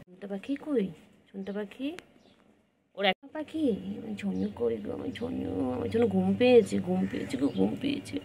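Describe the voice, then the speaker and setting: Gravelly woman cooing baby talk. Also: mid-range voice, a little fast, dark tone, a little hiss or hum. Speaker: pet vlogger. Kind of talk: baby talk to pet cats.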